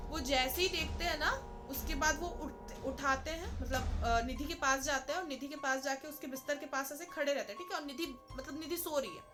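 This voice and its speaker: A woman telling a horror story in a casual, chatty way, often adding little checks like "okay" and "literally". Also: sits high. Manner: chatty, keeps adding "theek hai" and "literally".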